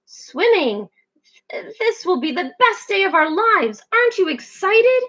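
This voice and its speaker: A woman doing a squeaky gushing penguin girl. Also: sing-song, slow pace, fairly bright tone, lo-fi sound, heavily acted. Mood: bubbly. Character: bubbly chatty young penguin girl.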